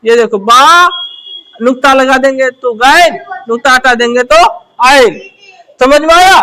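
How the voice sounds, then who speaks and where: A woman's voice: high-pitched, unhurried, pushed and bright. A woman teaching the Urdu script, asking short questions and answering them herself while repeating key phrases. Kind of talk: letter-by-letter script lesson.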